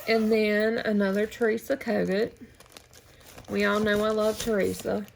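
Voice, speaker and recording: A woman from the United States talks casually through her projects at home, in slow, unhurried speech. Her voice has a gravelly fry, and she meanders with pauses and restarts as she goes. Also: medium pitch, little pitch movement, a little hiss or hum. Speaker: flosstube host. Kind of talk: casual show-and-tell chat.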